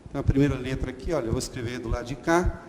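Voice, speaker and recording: A man teaching a lesson slowly and patiently, repeating sounds and checking in with "ok?". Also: medium pitch, darkish tone. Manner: slow, patient, repeats letter sounds, frequent "ok?". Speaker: Hebrew teacher. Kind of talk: online lesson at a whiteboard. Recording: long reverb and faint noise.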